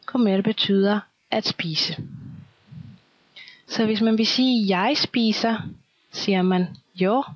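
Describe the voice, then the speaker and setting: A woman's voice: mid-range voice, dry recording. Patient woman teaching, dull dry recording. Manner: slow, patient quizzing with pauses for the listener to answer. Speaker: Spanish language teacher. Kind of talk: scripted language lesson.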